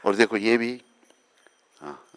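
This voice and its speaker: A man's voice: on the low side, lively intonation, takes it slowly, fairly bright tone, clear, resonant tone. A man, a swami, giving an informal spiritual talk to devotees, chatty and teasing, often asking if he is right.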